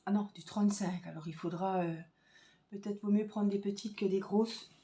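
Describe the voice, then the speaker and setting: Her medium-pitched voice is dark in tone, fairly even, and moves at a normal speed. Filming on a phone camera on a stand at home, she chats through a casual crafting tutorial, musing aloud with fillers.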